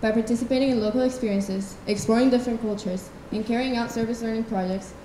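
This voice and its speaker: A woman's voice: on the high side, steady tone, fast, mellow, a little hiss or hum. A young woman, a student presenter, reading steadily from her phone into a handheld mic at an event. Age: young adult. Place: dim event hall. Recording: roomy hall echo.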